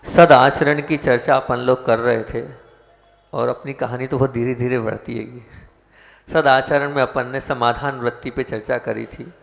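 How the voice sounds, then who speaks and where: A man's voice: mid-range voice, steady tone, normal speed, creaky. Man preaching a sermon in a reverberant hall. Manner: rhetorical questions, rising emphasis on key points; opens with sung chanted prayers. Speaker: Jain monk preacher.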